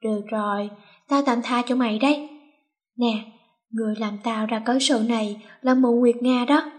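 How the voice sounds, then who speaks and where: A woman plays a cunning teenage schoolgirl who bosses her friends around and turns on fake sweetness to get what she wants, sounding sassy. Her voice is slightly high and mellow, with fairly even intonation, a moderate pace and light acting.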